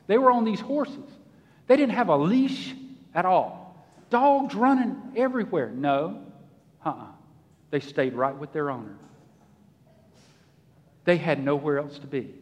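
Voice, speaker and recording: High-voiced, lively preacher in a reverberant church. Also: male voice, a little slow, pauses often, dull audio. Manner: animated, folksy preaching with acted-out voices. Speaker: pastor. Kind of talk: sermon.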